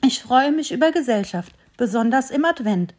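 A woman voicing a small, kind fir tree that gently welcomes guests while reading a storybook aloud. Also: sits high, expressive, normal speed. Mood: welcoming.

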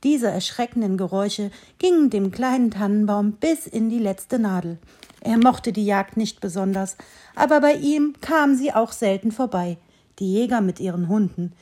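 A woman reading an Advent story aloud in a calm, clearly paced storytelling voice. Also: mid-range voice, normal speed.

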